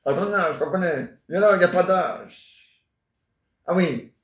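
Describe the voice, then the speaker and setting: Man, 40s, rambling joker, slightly high voice, reverberant room. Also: expressive, normal speed, recorded from a distance. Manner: joking, playful, teasing banter. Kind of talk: rambling casual chat. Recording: echoey room.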